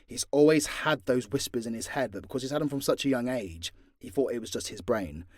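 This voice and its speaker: A British audio drama creator answers fan questions in a casual, unscripted Q&A, talking bluntly and swearing freely. His medium-pitched voice moves a little fast, recorded at studio quality without echo.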